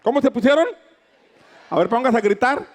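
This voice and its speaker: Pastor guy preaching hard, high voice, gets loud and dramatic. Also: moderate pace, a little hiss or hum. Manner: fervent, declamatory, shouts for emphasis. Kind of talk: sermon.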